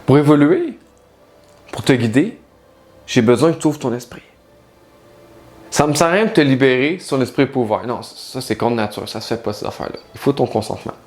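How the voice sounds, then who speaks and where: A man's voice: medium pitch, animated, a little fast, long pauses. A man, a life coach and spiritual guide, speaking in a casual direct-to-camera monologue, talking straight to the listener and asking many rhetorical questions.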